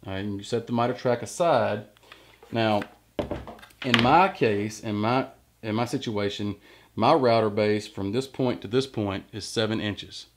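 A man's voice: fairly low pitch, measured pace, slight background noise. A man in his thirties, a workshop channel host, explaining step by step how to use a jig while working at the bench in a large indoor woodshop. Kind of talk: hands-on workshop tutorial. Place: large indoor woodworking shop.

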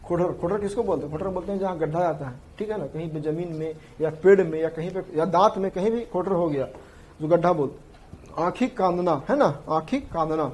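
A man's voice: fairly high pitch, a little fast, darkish tone. A man teaching an exam prep class, repeating points over and over to drill them in. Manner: repetitive, drilling points to students. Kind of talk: classroom lecture.

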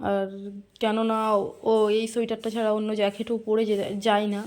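A woman's voice: medium pitch, level tone, brisk, a little mellow. A woman vlogger giving a casual, chatty voice-over, talking to her viewers like close friends. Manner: confiding, talks straight to viewers as friends. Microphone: voice-over recorded separately from the footage.

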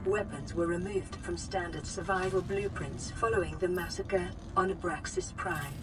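A woman voicing a calm onboard computer, a gentle care robot from a video game that gives even, measured status reports in a synthetic voice. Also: on the low side, over music. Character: calm female ship computer, gentle monitoring AI.

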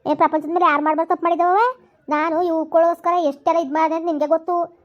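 A woman's voice: very high-pitched, steady tone, fast talker, highs cut off. A woman with a rural Karnataka Kannada accent, playing an aggrieved, quarrelsome village mother who complains and laments in rhetorical questions.

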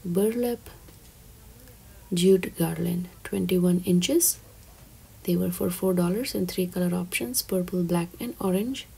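A woman giving a soft, half-whispered walkthrough of store items for her shopping vlog, listing each item and its price. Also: on the low side, slow, gravelly, breathy edge. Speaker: shopping vlogger. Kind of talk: shop-with-me voice-over.

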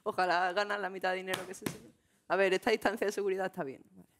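A woman, a guest on a comedy talk show, telling animated stories with shouted impressions. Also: medium pitch, racing, slight background noise.

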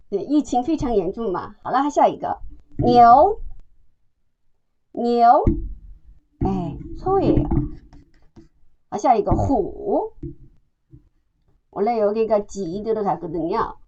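A woman from China with a Chinese accent, leading a beginner language lesson in a high voice. She speaks very slowly and leaves long gaps for learners to repeat. Her pitch leaps up and down as she demonstrates the tones, and the recording sounds dull and lo-fi. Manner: slow, drawn-out demonstration with lively pitch jumps on tones.

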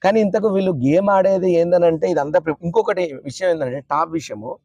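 A man, reviewing a TV show in casual chat, animated and opinionated. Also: high-pitched, fairly quick, no echo, highs cut off. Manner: animated, opinionated, talks over his co-host.

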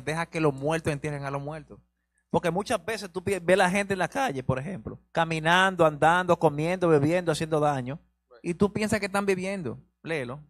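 A man's voice: fairly high pitch, fairly bright tone, no echo. A man explaining Bible passages with emphasis, telling the reader what to read next. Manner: emphatic, gives orders to the reader. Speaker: Bible teacher. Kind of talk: Bible teaching on a live show.

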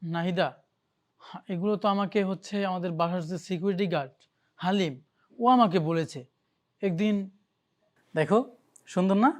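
A man's voice: high-pitched, normal speed, pauses often, natural voice. A man playing an emotional husband in a short-film drama who is confused and grieving over his wife. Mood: explaining. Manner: emotional, calls out names.

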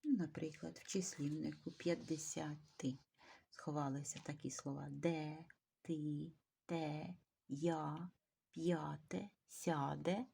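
Woman teacher, video lesson, gravelly, dark tone, careful dictation. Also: low-pitched, fairly even intonation. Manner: slow, careful dictation of words.

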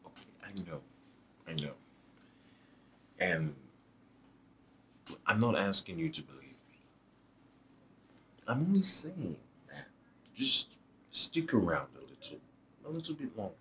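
A man's voice: deep voice, very animated, measured pace, long pauses, bright, forceful tone, a little hiss or hum, heavily acted. A young man with a Nigerian accent acting a smitten lover in a romantic film, earnest and coaxing, often repeating himself. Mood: tender pleading. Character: smitten young playboy lover, pleading and playful. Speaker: romantic lead actor.

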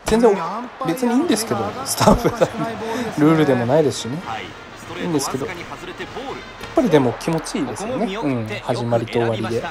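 A man's voice: fairly high pitch, sing-song, fast talker, over loud music. A man from Kagoshima casually commenting on his own baseball video game, reacting aloud and often apologizing. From Kagoshima, Japan. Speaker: game streamer. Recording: game crowd noise behind. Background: baseball game crowd sound.

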